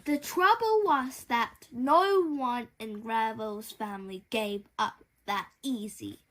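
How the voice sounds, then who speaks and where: A woman with a fairly high voice reads a children's bedtime story aloud haltingly, making small stumbles and repeating words.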